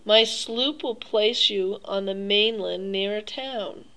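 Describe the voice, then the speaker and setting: A woman's voice: mid-range voice, pushed and bright, poor audio. Woman voicing suave, cruel Cossack general. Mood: enthusiastic. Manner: silky, courteous, drawn-out phrasing. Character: suave, cruel aristocratic male Cossack hunter.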